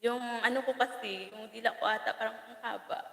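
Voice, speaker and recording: A woman's voice: fairly high pitch, steady tone, normal speed, gravelly, fairly bright tone. Bicolano woman live-streaming on her phone, chatty and teasing, laughing a lot; long-tailed echo around her. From Bicol region, Philippines. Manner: chatty and teasing, laughs often, stumbles over names. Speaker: farm vlogger hosting a live stream. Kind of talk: casual live-stream chat reading viewer comments. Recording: echoey room with long reverb.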